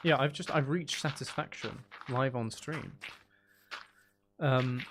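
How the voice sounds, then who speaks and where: A man with a medium-pitched voice speaks slowly as he gives casual live commentary on a game, thinking aloud in a playful, self-deprecating, rambling way. Steady rain sounds run behind his voice.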